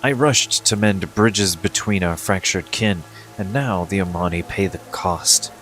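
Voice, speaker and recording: A man with a low voice reads fantasy game dialogue aloud as a streamer. Music plays faintly behind him. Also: measured pace, fairly bright tone. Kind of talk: reading game dialogue aloud, casual asides.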